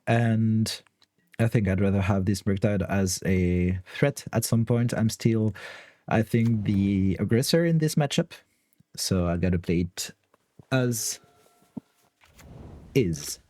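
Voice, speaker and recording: Slow, low-voiced French-accented man musing. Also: dark tone, no echo. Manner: deliberating, laughs often. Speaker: card game streamer. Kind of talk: thinking aloud while playing online.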